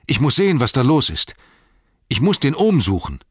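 A man's voice: lowish voice, lively intonation, normal speed, gravelly, fairly bright tone, no echo, studio quality, pitched above the performer's own voice, full character voice. A man voicing a loyal male hobbit who speaks urgently, raising his voice. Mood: agitated. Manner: urgent, raised voice.

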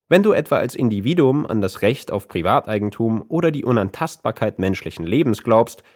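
A man reading a nonfiction book summary as scripted narration, in a measured, even delivery. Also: mid-range voice.

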